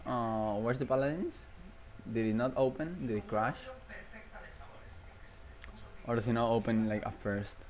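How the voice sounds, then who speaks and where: A man hosting a livestream chats casually about a game, thinking aloud and rambling. His mid-range voice is a little slow and a little mellow, and he pauses often.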